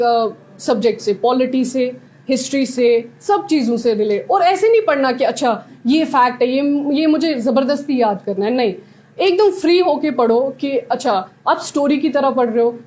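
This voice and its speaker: High-voiced young woman giving exam advice. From Jammu and Kashmir. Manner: animated, switches between Hindi and English mid-sentence. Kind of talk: motivational talk to students.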